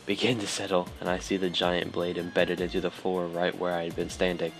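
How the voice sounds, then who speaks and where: Deep, flat-voiced man reading game text. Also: a little fast. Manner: dry, offhand, stumbling over lines. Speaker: let's play host. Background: game music.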